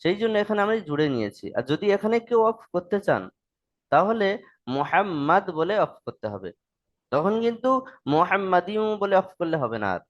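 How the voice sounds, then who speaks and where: A man teaches an online class, stretching each word of the prayer out in long chanted tones. Between recitations he explains the pronunciation quickly and plainly. His fairly high voice comes through slightly dull, lo-fi audio. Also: very animated. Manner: slow drawn-out chanting of the prayer.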